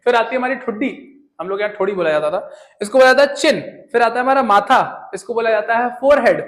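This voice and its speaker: A man's voice: extremely high pitch, quick pace. A young man teaching English words in a casual, joking lesson, often asking questions and answering them himself. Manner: chatty, jokey, asks and answers his own questions.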